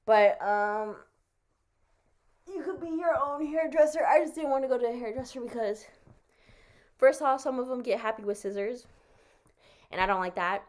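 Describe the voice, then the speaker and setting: A young woman vlogging casually at home, rambling and a bit out of breath. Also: medium pitch. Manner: chatty, rambling. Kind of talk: casual vlog chat.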